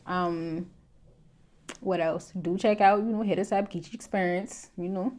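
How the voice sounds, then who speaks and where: A woman from the South Carolina Lowcountry with a Gullah Geechee accent, chatting casually in colloquial dialect. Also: fairly even intonation, unhurried, darkish tone. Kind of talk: casual conversation.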